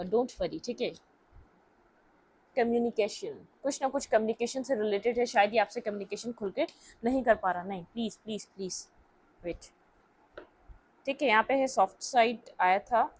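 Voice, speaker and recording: A woman's voice: mid-range voice, slightly rough. A young woman giving a casual tarot reading to her viewers, talking things through and checking in with frequent "okay"s. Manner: talkative, keeps checking in with "theek hai", mixes English words. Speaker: tarot reader.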